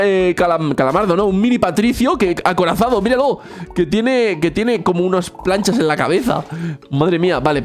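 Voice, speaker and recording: A man giving excited gameplay commentary, repeating words in quick bursts. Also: high-pitched. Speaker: gaming youtuber.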